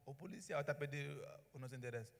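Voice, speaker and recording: A man preaching in a church hall turns storyteller, animatedly performing the dialogue of a story within his sermon. His medium-pitched voice is quick and creaky, and the room adds noticeable reverberation.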